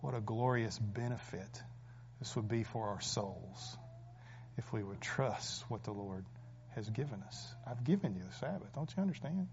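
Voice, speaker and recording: A male pastor preaching a sermon, rising from quiet reflection to loud, urgent appeals. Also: fairly low pitch, animated, moderate pace, muffled recording, a little hiss or hum.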